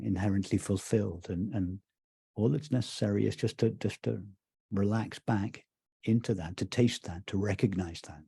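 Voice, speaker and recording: Mellow-voiced man in slow spiritual talk. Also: on the low side, gravelly, breathy edge, dry recording, clean studio sound. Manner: slow, repeats words, gentle emphasis. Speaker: spiritual teacher. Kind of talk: calm roundtable discussion.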